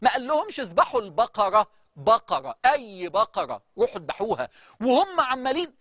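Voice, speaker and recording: A man's voice: sits high, big pitch swings, brisk, a bit bright, dry recording, clean studio sound. A man preaching in Egyptian Arabic, telling a story with dramatic recitation of verses. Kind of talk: lively religious talk.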